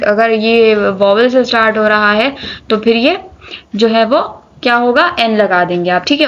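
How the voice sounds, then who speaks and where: A woman teaching English articles, reading example sentences slowly and explaining them briskly while checking that students follow. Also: fairly high pitch, a bit bright. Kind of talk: grammar lesson explaining articles. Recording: dull lo-fi recording.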